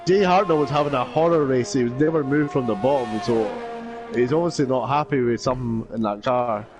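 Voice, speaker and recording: A man's voice: medium pitch, brisk, music in the background. A man giving conversational live motorsport commentary and analysis, often restating his calls as a racing commentator.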